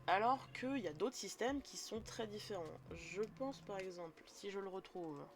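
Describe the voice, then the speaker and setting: A woman's voice: mid-range voice, moderate pace, music in the background. A woman streamer casually explaining tabletop role-playing in a rambling, self-correcting way.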